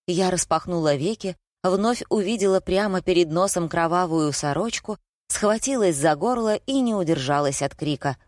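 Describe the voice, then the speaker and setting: A woman narrating a first-person story with a wry, ironic touch. Her voice sits somewhat low. The studio recording is dry and close. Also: normal speed, hardly any pauses, darkish tone, dry recording. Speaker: audiobook narrator.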